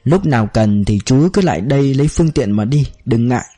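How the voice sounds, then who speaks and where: A man's voice: medium pitch, expressive, a little fast, mellow, no echo, soft background music, close to an everyday voice. A man voicing a kindly old village man of about sixty in a read-aloud novel, speaking in a plain fatherly way.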